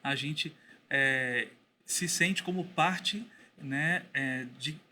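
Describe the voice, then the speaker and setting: Guy on a podcast, kinda high and bright, thinks out loud with restarts, bit of faint hiss. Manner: thoughtful, pauses and restarts. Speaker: guest, Bible school teacher. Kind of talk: casual podcast conversation.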